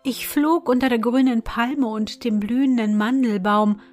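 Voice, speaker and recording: A woman's voice: a little high, fairly even intonation, unhurried, darkish tone, soft background music, close to an everyday voice. A woman voicing a homesick canary in a storybook reading, speaking in a dreamy, sing-song way. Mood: wistful.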